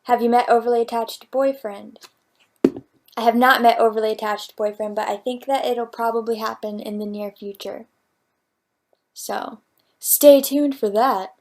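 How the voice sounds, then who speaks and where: A woman's voice: a little high, fairly even intonation, normal speed. A woman vlogger answering viewer questions at home, in a playful, rambling, jokey casual chat. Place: at home, talking to her cat.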